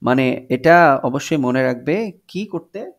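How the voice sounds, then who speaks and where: A man teaches an English lesson in a gravelly voice. He reads each English line slowly and then explains it in Bengali. His pitch sits in an ordinary middle range. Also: animated. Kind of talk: video lesson explaining a textbook.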